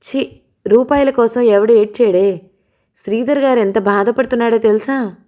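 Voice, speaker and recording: An earnest young woman pleads with her friend, insistent and urgent, as read by a woman narrating a novel. Her voice is mellow and warm, and the reading is audiobook-style. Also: fairly high pitch, moderate pace, voice pushed up, lightly acted. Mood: pleading.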